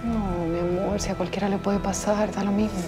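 A woman playing a gentle Chilean schoolteacher. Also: medium pitch, level tone, normal speed, over music, close to an everyday voice. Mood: teaching. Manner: gentle, patient. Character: warm young female schoolteacher.

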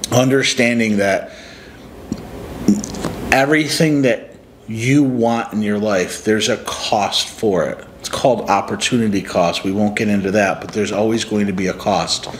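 The recording is rough, with slight background noise, as a man in his forties talks to camera from a couch in a small room. He's a life coach and channel host from upstate New York, and his lowish, somewhat slow voice comes across earnest, reflective and motivational in this casual chat.

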